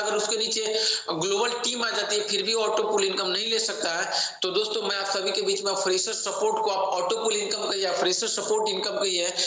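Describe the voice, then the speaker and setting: A man with a high, very bright and forceful voice walks listeners through an income plan, calling them friends and slipping into English. His voice rings in a strongly echoing room, with faint noise behind. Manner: repetitive, addresses listeners as friends, mixes in English phrases. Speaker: network marketing plan presenter. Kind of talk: sales pitch explaining an income plan.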